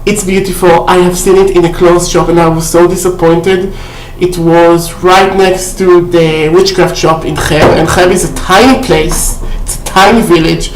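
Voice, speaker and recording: This haul vlog features a woman's fairly low voice over a little hiss or hum. She casually chats about her shopping finds in a room at home, filling her speech with fillers and checking in with "okay?" often, and the recording has a roomy echo.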